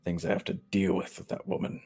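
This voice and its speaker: Dude doing a grumpy snobby noble dad, deep and slow. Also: male voice, animated, slightly rough, faint music behind, exaggerated voice. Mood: grumbling. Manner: grumbling, disdainful. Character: grumbling disdainful noble father.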